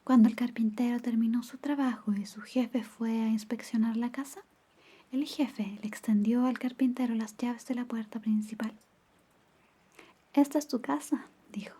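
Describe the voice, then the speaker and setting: Casting: actress as tender girlfriend for ASMR whispered role-play, soft mellow tone, very breathy, storybook intimacy. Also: a little high, fairly even intonation, normal speed. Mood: gentle, reflective. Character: caring, teasing girlfriend reading bedtime stories.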